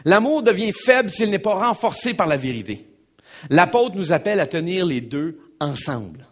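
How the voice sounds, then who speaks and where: A man preaching a sermon with a Québécois French accent, emphatic and animated, repeating phrases and addressing the congregation directly. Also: high voice, normal speed. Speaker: pastor.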